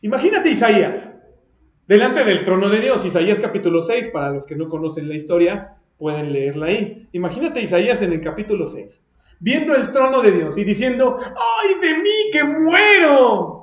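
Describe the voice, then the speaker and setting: A pastor with a Mexican accent preaching a fiery, confrontational sermon with mocking asides, recorded for video. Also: male voice, high-pitched, expressive, fairly quick. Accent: Mexican Spanish. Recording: roomy echo, dull lo-fi sound.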